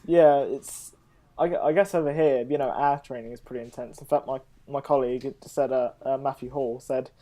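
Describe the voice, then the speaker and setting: A man's voice: medium pitch, steady tone, moderate pace, dark tone. A man hosting a casual interview, often stumbling and repeating his words. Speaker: host.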